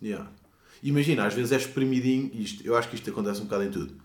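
A young man with a European Portuguese accent, an airline pilot chatting casually on a podcast in an animated, slangy way. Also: medium pitch. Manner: slangy, animated, fast-talking. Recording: roomy echo.

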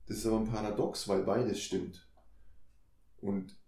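Guy with a lowish mellow voice, thinking out loud in a casual chat, echoey room. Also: fairly even intonation, measured pace. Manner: reflective, explains with examples and rhetorical questions. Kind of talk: casual conversation. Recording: roomy echo.

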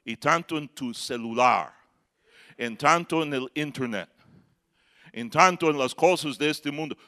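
A middle-aged man preaching a sermon, moving from quiet talk to shouted passages and acting out voices. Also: a little high, unhurried. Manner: acts out voices and jokes with the congregation. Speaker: pastor.

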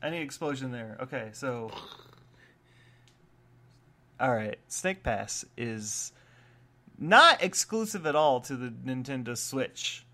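A man's voice: medium pitch, lively intonation, takes it slowly, pauses often, bright, forceful tone. A young man co-hosting a casual gaming podcast, laid-back and joking with lots of fillers, sounding a bit sick. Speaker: podcast co-host. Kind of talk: casual chat.

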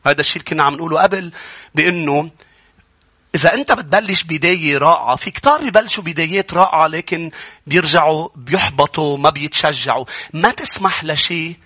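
A man with a Lebanese accent preaching a Bible-school sermon, emphatic, building to loud peaks and then dropping low. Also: fast talker, husky, no echo. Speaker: pastor.

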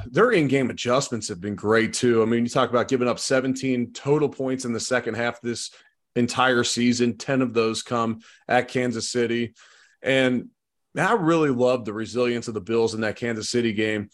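A man giving relaxed, conversational sports commentary as a football analyst, with an informal way of talking. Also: mid-range voice. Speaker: football analyst, show guest.

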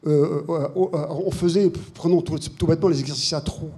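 A man in the audience taking the microphone, speaking haltingly with many repeated words. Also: fairly high pitch, fairly even intonation, dark tone, husky. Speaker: audience member asking a question. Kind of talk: spontaneous question from the floor. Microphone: handheld microphone.

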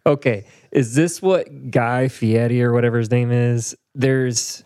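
A man's voice: mid-range voice, steady tone, unhurried, dark tone, clear, resonant tone, no room sound, clean studio sound. A man hosting a casual podcast chat, joking around and laughing often. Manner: laughs often, chatty and jokey. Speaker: podcast host.

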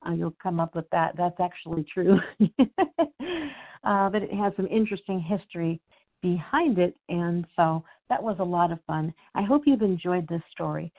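A woman's voice: on the low side, moderate pace. A woman author talking casually about her writing, chatty and rambling, then reading her own story aloud. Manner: chatty, rambling, with fillers and restarts. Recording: tinny phone-like sound.

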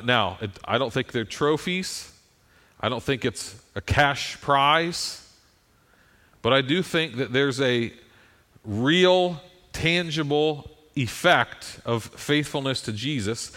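A man's voice: mid-range voice, a bit bright. Folksy American man preaching conversationally. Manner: folksy, self-deprecating, checks in with "right?". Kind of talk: conversational sermon.

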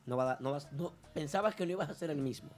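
Quick teasing radio host. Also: male voice, fairly high pitch, soft background music. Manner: teasing interjections, finishes guest's sentences. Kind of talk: interview banter.

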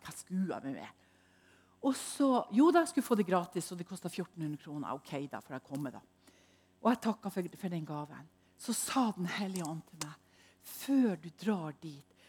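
A woman preaching in a testimony style, telling stories with loud emphasis and hushed, whispered asides. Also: on the low side, slightly rough. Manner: animated storytelling, swings between loud emphasis and hushed whispers.

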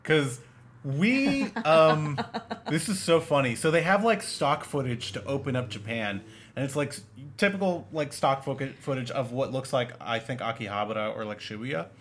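A man's voice: mid-range voice, lively intonation, normal speed, slight background noise. A man co-hosting a casual movie-review chat, talking sarcastically and trailing off into mumbled asides. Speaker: podcast co-host.

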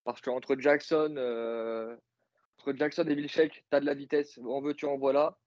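Co-host masculin bavard, hésitant, quelques euh, son un peu terne et sec. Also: male voice, mid-range voice, fairly even intonation, measured pace, a little mellow, no echo, muffled recording. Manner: chatty, hesitant with many fillers, joking asides. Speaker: podcast co-host, football analyst. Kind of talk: casual play-by-play recap.

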